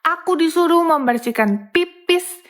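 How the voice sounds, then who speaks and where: A woman's voice: very high voice, measured pace. A woman telling viewers a story from her old job, acting out the lines people said. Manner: animated, acts out quoted dialogue. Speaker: content creator telling a work story.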